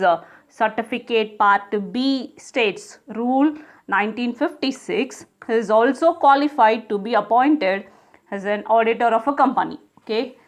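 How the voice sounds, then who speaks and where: A woman lecturer with an Indian accent speaks in a somewhat high-pitched voice. She delivers a formal legal reading, setting out rules clause by clause. Short teacherly markers like "okay" and "so" link the points. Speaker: assistant professor giving a lecture.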